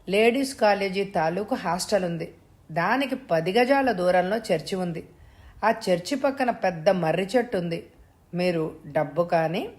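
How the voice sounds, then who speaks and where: Calm, mocking male extortionist who threatens a mother by phone; a woman narrator voices him. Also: fairly low pitch. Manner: cold, threatening, mockingly polite. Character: menacing male kidnapper on the phone.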